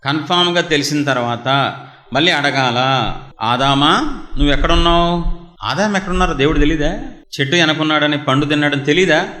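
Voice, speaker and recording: A man delivers a sermon in a bright, somewhat high voice. He keeps asking his listeners questions and often sinks into a low, intense tone. The room around him is echoey. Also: fairly quick. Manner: rhetorical questions, dramatic drops to low intense tone. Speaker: preacher.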